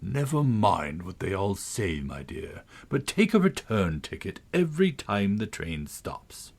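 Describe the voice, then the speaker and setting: A man voicing a fussy, prim old gentleman who speaks slowly, in a storybook reading. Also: lowish voice, very animated, heavily acted. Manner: slow and prim.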